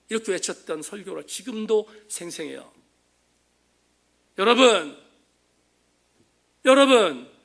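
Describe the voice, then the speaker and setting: A man preaching an impassioned sermon as a pastor in a church, building to loud emphatic peaks. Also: high voice, gravelly. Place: church sanctuary.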